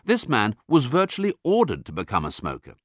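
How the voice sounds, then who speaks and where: A man reads an audiobook with emphatic, persuasive delivery. His voice rises and falls a great deal, and he slows right down on key words. The sound is dry and close-miked. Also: mid-range voice, huge pitch swings, no room sound. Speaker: narrator. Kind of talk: audiobook narration.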